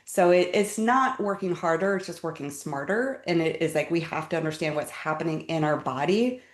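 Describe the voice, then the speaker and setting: Low-voiced woman in an echoey room. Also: expressive, normal speed. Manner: explains step by step, often repeats words. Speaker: guest health expert. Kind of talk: casual explanatory talk.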